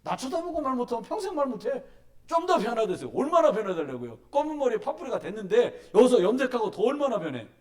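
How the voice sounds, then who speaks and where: High, lively-voiced middle-aged male pastor. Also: fast talker. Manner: animated storytelling, emphatic exhortation. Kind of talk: sermon. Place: church sanctuary.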